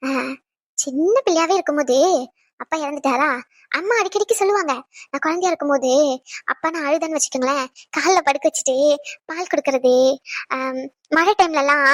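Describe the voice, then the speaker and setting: A woman plays a young expectant wife in a cartoon, jealous of her unborn daughter and teasing her husband. The voice is very high and rapid, with a dry, close sound. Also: a bit bright, no echo. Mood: tender, wistful. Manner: playful, scolding, then tender.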